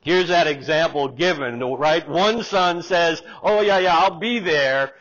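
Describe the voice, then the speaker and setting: A man's voice: fairly high pitch, unhurried, a bit bright. A middle-aged man preaching a sermon as pastor in a church sanctuary, reading scripture aloud with rising emphasis. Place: church sanctuary, in front of a wooden pulpit. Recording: slightly dull, lo-fi church recording.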